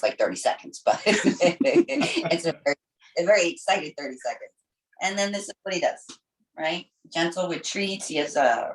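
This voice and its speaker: A woman fostering a rescue dog, chatting casually with lots of ums and warmth, on a video call. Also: low voice. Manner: halting, many fillers, affectionate. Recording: roomy and distant video call.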